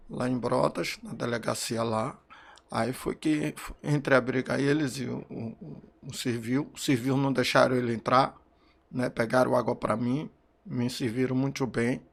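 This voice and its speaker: A man, a grieving father, telling what happened in halting, repeated phrases while emotional. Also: medium pitch, gravelly. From Brazil. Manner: halting, repeating phrases, voice rising when recalling shouts. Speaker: bereaved father interviewed. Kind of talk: emotional testimony.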